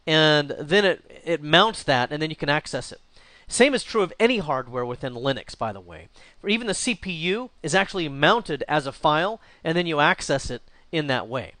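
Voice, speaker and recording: Guy walking thru a computer tutorial, kinda high voice, smooth and crisp, dry close mic. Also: normal speed, no room sound. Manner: relaxed, thinking aloud with frequent uh and restarts. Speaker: instructor. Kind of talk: screen-recorded software tutorial.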